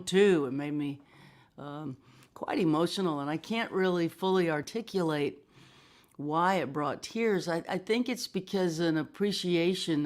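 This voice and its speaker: A woman musician chatting casually on a livestream, halting with many fillers and often laughing. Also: deep voice. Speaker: touring musician.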